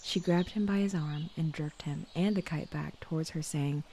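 A woman narrating a scripted horror story in a hushed, often whispered delivery. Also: low voice, normal speed, a little hiss or hum.

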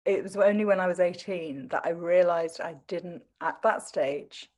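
A middle-aged woman speaks in a slightly low register, her English accent mostly standard with traces of Essex. She is articulate and reflective, talking conversationally as an interviewee with a modest, self-deprecating manner. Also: normal speed, a little mellow. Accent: English, adopted standard with traces of Essex. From Southend in Essex, England. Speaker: teacher and interview guest.

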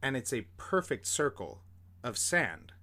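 A man's voice: medium pitch, sing-song, unhurried, bright, forceful tone. A young man, a podcast host, telling a story in a rambling, casual way, full of fillers and the odd swear word.

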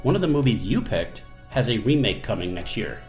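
A man's voice: on the low side, very animated, fairly quick, a little mellow, roomy sound, faint music behind. A man hosting a podcast in casual chat, jokey and self-mocking. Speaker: podcast host and managing editor.

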